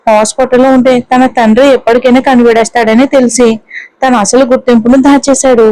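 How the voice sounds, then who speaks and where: A woman narrating a story in a steady, even reading manner. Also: a little high, brisk, no room sound, rough recording. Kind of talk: scripted narration.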